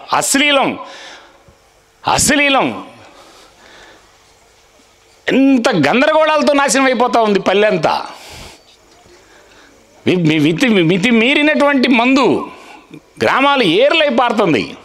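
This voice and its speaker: A man's voice: very high voice, sharp tone. A man giving a fiery, repetitive speech at a village meeting, calling on the crowd to answer him. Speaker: public speaker.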